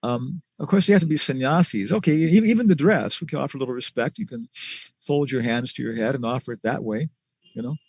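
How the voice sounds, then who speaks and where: A man's voice: mid-range voice, fast talker, a little mellow, slightly rough, dry recording, lo-fi sound. A man answering students' questions in a casual class, rambling with many fillers and chuckles.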